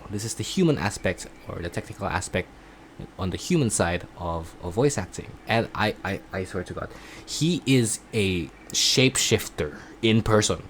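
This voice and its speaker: A man chatting casually in a video diary about his voice acting classes, rambling and halting, often poking fun at himself. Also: on the low side, slight background noise. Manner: self-deprecating. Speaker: voice acting student vlogger.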